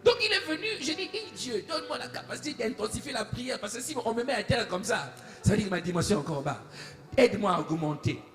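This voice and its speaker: A man preaching a sermon as a pastor, telling a story, swinging between hushed asides and shouted declarations. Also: high voice, animated, fast talker. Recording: echoey room with faint music.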